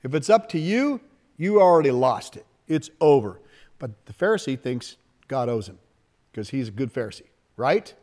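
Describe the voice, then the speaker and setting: A man's voice: mid-range voice, very animated, normal speed, darkish tone. A man preaching a sermon in an emphatic, conversational way, often asking his listeners questions.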